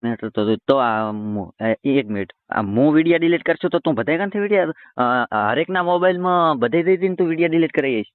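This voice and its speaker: Fairly high-pitched and smooth, this man talks a little fast with hardly any pauses and no echo. He's a roast video creator in a heated phone argument, colloquial, stubborn and confrontational, recorded over a tinny phone line.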